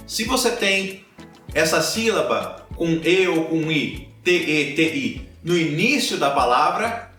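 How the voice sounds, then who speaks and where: Brazilian man, young, language teacher, repeats example words slowly, roomy echo, a bit off-mic. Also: sits high, bright, forceful tone, recorded from a distance. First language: Portuguese. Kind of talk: teaching pronunciation.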